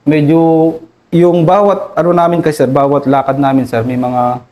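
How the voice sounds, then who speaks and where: A Filipino army officer with a Filipino accent, recounting combat in an interview, deferential and halting, adding "sir" to nearly every phrase. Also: male voice, fairly high pitch, level tone, darkish tone, poor audio. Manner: deferential, says "sir" constantly, halting with many fillers. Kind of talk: interview storytelling.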